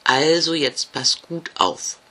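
A man voicing a big, grumpy old ghost who guards his castle, speaking loudly and with drawn-out words. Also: on the high side, expressive, voice pushed up, exaggerated voice. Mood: stern. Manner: loud, shouting and drawn out.

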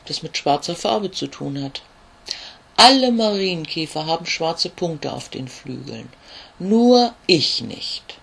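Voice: medium pitch, vocal fry, a bit bright, slightly rough, pitched above the performer's own voice, exaggerated voice. A storyteller voicing a small, timid young male ladybug who asks politely and eagerly for help.

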